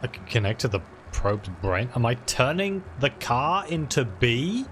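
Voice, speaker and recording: A man's voice: medium pitch, sing-song, measured pace. A man from Wales with a Midlands accent, chatting and joking while playing a game. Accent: Midlands English. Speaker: let's-play streamer. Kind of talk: casual game commentary.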